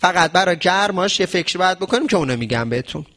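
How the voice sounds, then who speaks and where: A man giving a traditional medicine lesson on fasting, asking questions in the listener's voice and answering them himself. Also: high voice, animated, sharp tone. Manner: asks and answers his own questions. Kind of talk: religious health lesson.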